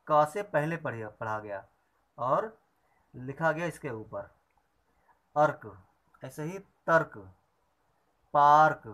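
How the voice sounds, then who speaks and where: A man teaching Hindi reading, pronouncing each word clearly and deliberately, one at a time, like a classroom drill. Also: medium pitch, a bit bright. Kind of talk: slow classroom reading lesson.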